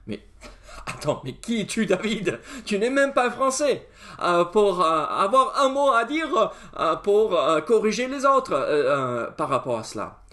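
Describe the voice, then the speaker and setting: Animated man with an American accent. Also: high voice. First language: English. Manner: animated, acts out critics' voices, many fillers. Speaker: pastor. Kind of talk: Bible study teaching. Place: church.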